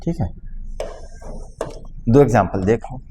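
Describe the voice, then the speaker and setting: A man's voice: medium pitch, slow, mellow, a little hiss or hum. Man teaching grammar, patient and repetitive. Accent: Chhattisgarh Hindi. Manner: addresses students fondly, asks for understanding often. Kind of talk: classroom lecture on grammar.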